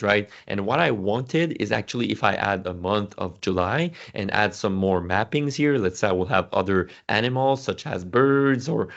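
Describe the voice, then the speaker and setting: In a muffled recording, a man with a gravelly voice on the low side presents as an Excel instructor. A native French speaker, he walks through a spreadsheet demo via casual screen share, frequently correcting himself and restarting amid many fillers.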